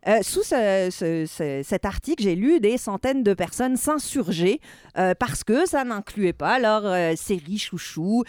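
A woman's voice: medium pitch, lively intonation, a little slow, darkish tone, no echo, clean studio sound. A woman, chatting as a culture columnist on a radio show, emphatic and laughing often. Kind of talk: casual radio chat.

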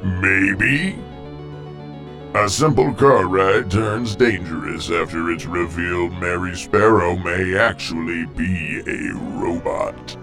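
A very low-voiced man narrates in the manner of an old radio drama. He takes his time, delivering the scripted mystery recap theatrically with suspenseful pauses over music. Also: a bit bright.

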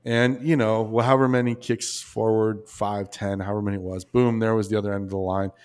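A man, a podcast guest, telling a story in a casual, animated way, full of restarts and asides. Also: on the low side, a little fast, smooth.

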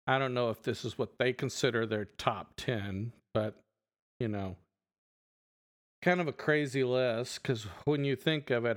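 A middle-aged man co-hosting a podcast, chatting in a loose, rambling way with plenty of fillers. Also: medium pitch. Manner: relaxed, rambling, many fillers. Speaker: podcast co-host. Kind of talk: casual chat.

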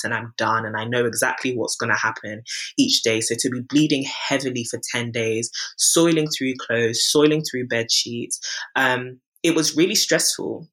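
A young woman in her twenties, candidly recounting a personal health story as a podcast guest, acting out the people she quotes. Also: very deep voice. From Britain. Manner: candid, animated, acts out quoted voices.

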